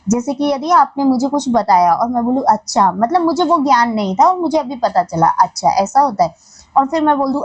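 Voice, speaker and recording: A woman teacher giving an exam-prep lecture, explaining step by step with frequent filler pauses. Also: on the high side, rough recording. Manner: explains step by step with Hindi-English term pairs.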